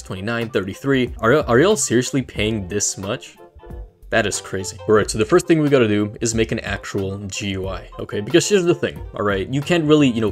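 A young man from Canada casually explaining game coding, joking in slangy chatter full of fillers. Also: on the low side. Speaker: Roblox tutorial creator. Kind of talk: casual coding tutorial with jokes.

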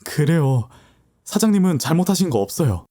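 In amateur audio drama, a man plays a confident young law student who coolly and assertively faces down thugs, then turns polite and gentle. His voice is fairly high with big pitch swings, at a moderate pace, and the mood is gentle.

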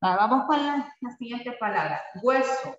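A man's voice: extremely high pitch, animated, normal speed, a bit bright, a little hiss or hum. A man teaching a spelling lesson to a class, patient and checking in with frequent tag questions. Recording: echoey classroom, far from the mic, dull.

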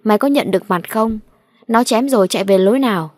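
A woman voicing a stern village official man who keeps pressing a boy with gruff questions. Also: mid-range voice, fast talker, a little mellow, dry recording, natural voice. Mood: stern, demanding.

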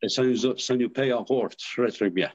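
A man's voice: mid-range voice, moderate pace, darkish tone, lo-fi sound. A man from southwest Nova Scotia with an Acadian French accent, telling stories in a casual interview, often hesitating and repeating words. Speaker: interviewee, association representative.

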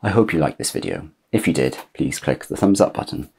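A man in his thirties hosting a scripted explainer video to camera, measured and asking rhetorical questions, filmed in a small home office with a clip-on mic. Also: rumbling low, big pitch swings, creaky, a little mellow, slightly rough. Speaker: YouTube host explaining electric cars.

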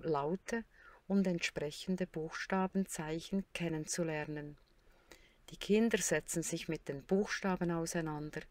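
Slow, deliberate woman narrating a lesson. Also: on the low side, darkish tone, no echo. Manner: deliberate, clearly spelled-out syllables and sounds. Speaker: narrator of a teaching tutorial. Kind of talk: scripted instructional narration.

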